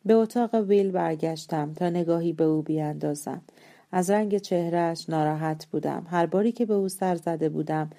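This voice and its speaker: A woman reading a novel aloud as an audiobook narrator, calm and measured. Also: low voice. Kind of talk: scripted story narration.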